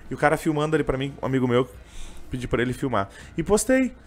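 A man's voice: medium pitch, animated, fast. A young man with a gaúcho Portuguese accent telling his story in a casual interview, rambling and emotional, full of fillers. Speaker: interviewee, train vendor and singer.

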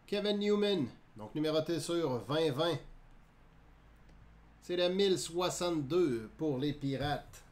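A man's voice: on the high side, takes it slowly. A man with a Quebec French accent hosting a live card break, calling out each card in a chatty way, laughing and joking with viewers. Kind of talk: live card-opening commentary.

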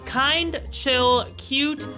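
A man's voice: very high voice, fairly even intonation, extremely slow, sharp tone. A young man, a gaming YouTuber, rambling through a joking gameplay commentary and restarting his words often. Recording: game music behind the voice.

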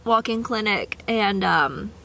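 A young woman, sick with a cough, sits in a parked car and chats casually to a camera held at arm's length, rambling with sing-song asides. The vlogger's mid-range voice is slow, creaky and expressive, with a sharp tone and a faint hiss or hum.

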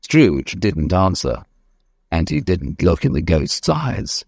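A man narrating a graded-reader story with a clear, expressive reading. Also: sits low, takes it slowly, dry recording, clean studio sound.

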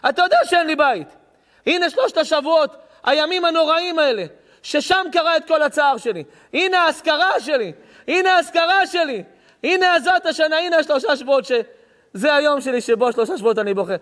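A sorrowful, pleading heavenly father, voiced by a man in a sermon. He asks question after question in a high, rising, mournful voice. The sound rings in a reverberant hall. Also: fairly bright tone.

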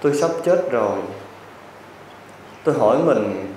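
A man's voice: medium pitch, lively intonation, a little slow, a little mellow, slight background noise, lightly acted. A man voicing a dying old husband, pleading. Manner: weak, pleading. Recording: very echoey hall, distant mic.

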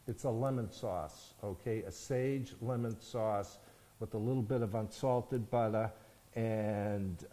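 A man's voice: fairly low pitch, mellow, rough recording. A middle-aged man, a chef, giving a cooking demonstration in a studio kitchen and explaining each step, often checking in with "okay?" and "all right?". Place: studio kitchen set, indoors.

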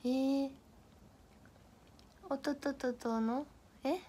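Chatting on her livestream, this young idol host from Miyagi, Japan, reads out viewer comments and giggles as she fumbles tongue twisters. She speaks slowly in a high, dark voice with fairly even intonation.

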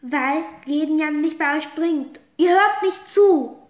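A woman's voice: high-pitched, takes it slowly, roomy sound. A woman voicing a jealous, upset teenage girl rider in a horse game role-play, talking plaintively.

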